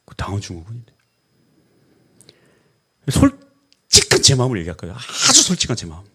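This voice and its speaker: A man's voice: medium pitch, normal speed, breathy edge. A middle-aged man preaching a Sunday sermon as pastor, telling stories and acting out the dialogue in them. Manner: animated storytelling, acts out quoted dialogue.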